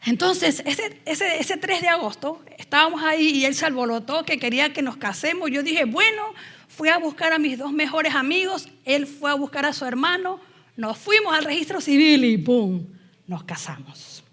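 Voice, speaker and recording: A middle-aged woman from Ecuador giving a lively personal testimony in a church sermon, acting out quoted voices as she tells the story. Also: sits high, normal speed.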